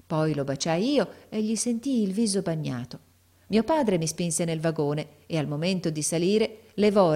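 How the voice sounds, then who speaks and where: Woman narrating a classic novel, low-toned. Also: mellow. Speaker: audiobook narrator. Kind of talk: literary audiobook narration.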